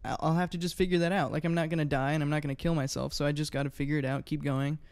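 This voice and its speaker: A man's voice: on the high side, level tone, rapid-fire, darkish tone, clear, resonant tone. A male guest chatting casually in a laid-back, matter-of-fact, sometimes sweary way. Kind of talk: casual chat. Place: studio.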